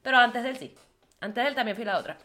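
Blunt, bright-voiced Venezuelan woman. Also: fairly high pitch, fast talker. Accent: Venezuelan Spanish. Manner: blunt, profane, frequent filler "o sea". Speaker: podcast host. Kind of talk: casual confessional monologue.

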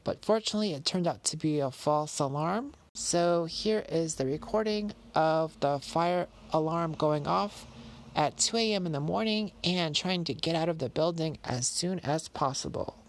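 A woman's voice: sits low, moderate pace. A woman hosting an audio show, telling a personal story in a casual way. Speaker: show host.

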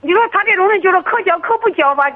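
A middle-aged woman calling in to an advice show, talking haltingly with many restarts over a tinny phone line. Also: very high-pitched, animated. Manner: halting, hesitant, restarts often. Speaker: caller.

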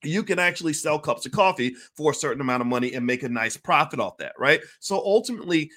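A man talking to camera as a host in an energetic, emphatic way, repeating key words and clearing his throat now and then. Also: on the high side, fast talker. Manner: clears throat and coughs between points. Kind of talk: casual talk to camera.

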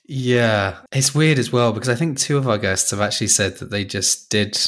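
A man's voice: on the low side, normal speed, fairly bright tone. A man co-hosting a podcast, chatting and asking questions in a friendly, informal manner. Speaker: podcast co-host. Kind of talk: casual chat and interviewing.

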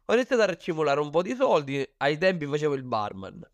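A man's voice: on the high side, very animated, fast talker, no room sound. A man from Sicily with a Sicilian accent, a fighter speaking as an interview guest, telling stories casually in an informal, self-deprecating way. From Sicily, Italy. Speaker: interview guest, professional Muay Thai fighter. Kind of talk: casual first-person storytelling in an interview.

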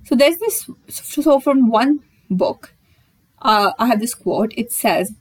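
A young woman hosting a solo podcast. Her voice sits a bit high and has a breathy, husky edge. She talks candidly and with emphasis, and she swears freely. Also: animated, takes it slowly, low-quality recording. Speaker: podcast host. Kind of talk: casual solo podcast chat.

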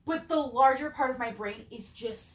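A woman's voice: sits high, normal speed. A woman in casual chat who swears freely and often stammers and restarts her sentences. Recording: roomy echo.

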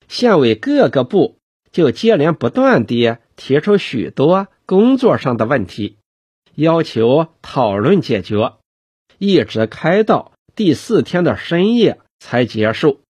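A man narrating a novel chapter as an audiobook, telling it slowly and expressively. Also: a little high, very animated, darkish tone, breathy edge, no echo.

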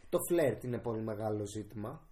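A young man from Greece in a casual, animated debate, arguing his side playfully. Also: lowish voice.

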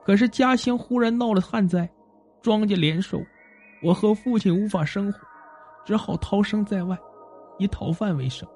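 A man voicing a young female ghost disguised as an orphan girl, speaking softly and sorrowfully. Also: high-pitched, moderate pace, faint music behind. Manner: soft, sorrowful, pleading.

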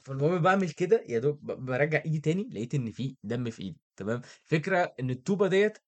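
A man's voice: on the high side, animated, very fast. A young man with an Egyptian Arabic accent, explaining things colloquially to friends in casual chat and checking they follow.

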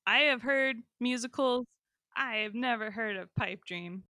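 A woman's voice: fairly high pitch, a little slow, pushed and bright, dry recording, studio quality. Joking woman podcast co-host. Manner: joking, self-deprecating asides. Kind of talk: casual chat.

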